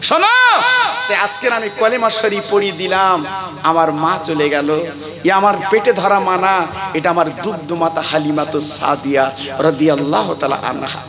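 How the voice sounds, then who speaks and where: A man preaching an impassioned sermon, swinging between loud high cries and low hushed lines and calling out to the crowd with questions. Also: normal speed. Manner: addresses the crowd directly with calls and questions. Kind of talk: impassioned Bengali waz sermon.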